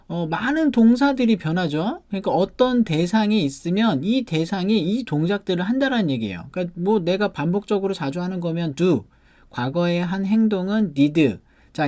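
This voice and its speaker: A man giving an online English grammar lecture, explaining step by step and reading example sentences slowly before translating them. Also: high-pitched, a little mellow, no echo, studio quality. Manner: explains step by step, often restarting with "자" and "그러니까".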